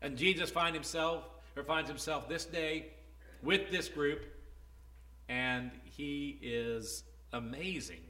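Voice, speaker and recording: A man preaching a conversational sermon, retelling a Bible story with soft asides and loud, emphatic peaks. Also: a little high, slow pace. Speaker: pastor.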